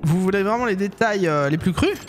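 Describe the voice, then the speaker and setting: A man playing a courteous young private detective, speaking evenly with a slightly raised pitch. He sounds measured and polite, with faint music behind, in this game fan dub. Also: lively intonation. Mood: businesslike. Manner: courteous, measured, a few slips.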